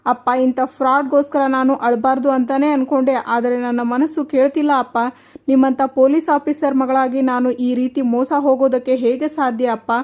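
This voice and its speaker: A woman's voice: high voice, flat delivery, brisk, a little mellow, natural voice. A woman voicing a young daughter betrayed by her fiancé, pleading earnestly with her father, in a retold television serial.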